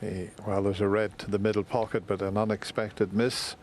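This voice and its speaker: A man's voice: on the low side, level tone, moderate pace, darkish tone, a little hiss or hum. A man commentating live on snooker in a conversational, appreciative way.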